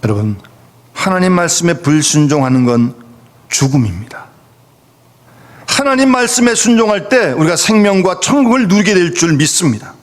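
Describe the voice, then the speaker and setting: A man's voice: high-pitched, very animated, fairly quick, hardly any pauses. A male pastor preaching a sermon emphatically, with rhetorical questions to the congregation. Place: church sanctuary. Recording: reverberant church hall.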